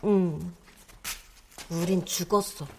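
A woman voicing the ghost of a young child in an audio drama, pleading urgently or speaking in a hushed, low tone. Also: fairly even intonation, takes it slowly, vocal fry, a little hiss or hum.

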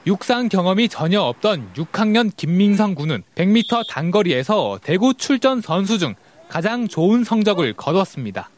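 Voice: medium pitch, very animated, moderate pace. A sports reporter reading scripted feature narration for a broadcast.

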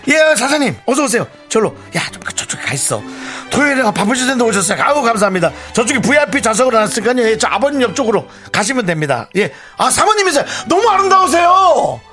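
A man playing a brash, self-centered friend in a radio skit, loud and overbearing. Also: big pitch swings, fast, hardly any pauses, soft background music, heavily acted. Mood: fawning to guests. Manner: loud, overbearing, with sudden swoops of pitch. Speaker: radio co-host.

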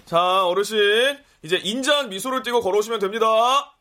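A man's voice: sits high, normal speed, sharp tone, a little hiss or hum. An actor playing a pushy, exasperated male TV producer who coaxes and nags in a radio drama. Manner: coaxing, nagging.

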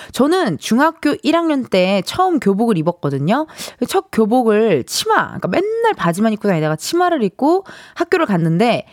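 A woman radio DJ chatting on air in a bright, playful way and reading out listener texts. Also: fairly high pitch, no room sound. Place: radio studio. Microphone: studio microphone. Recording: dry radio studio mic, faint music behind.

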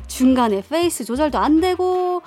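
A woman playing the comic side of a scripted radio skit, dramatic and animated. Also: high-pitched, moderate pace. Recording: faint music underneath.

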